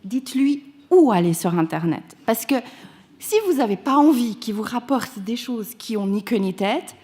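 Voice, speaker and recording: A woman's voice: a little high, expressive, moderate pace, dark tone. A woman from Canada giving a conference talk as a patient advocate, speaking earnestly and with emphasis, often restarting her phrases. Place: conference hall.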